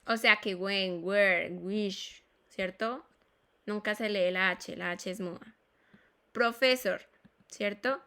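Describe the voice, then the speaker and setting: A woman's voice: medium pitch, bright, forceful tone, smooth. A woman teaching English pronunciation, repeating words and checking in with her students. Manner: slow and deliberate, spelling sounds out. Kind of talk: classroom phonetics explanation.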